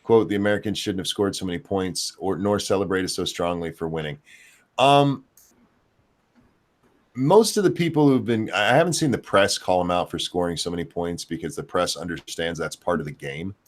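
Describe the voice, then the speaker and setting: A man's voice: low voice, moderate pace. A man hosting a live stream in casual chat, reading out viewer comments with blunt, sardonic swearing.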